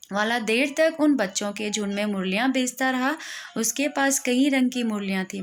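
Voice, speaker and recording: Woman, young adult, teacher, story lesson, reads then explains, slightly high voice. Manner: reads aloud then paraphrases, with frequent restarts.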